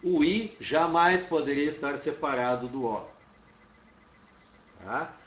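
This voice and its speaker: A man's voice: a little high, expressive, slow pace, fairly bright tone, far from the mic. A man teaching a lesson, explaining step by step and checking in with his students. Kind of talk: classroom lecture. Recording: roomy, dull sound from off-mic.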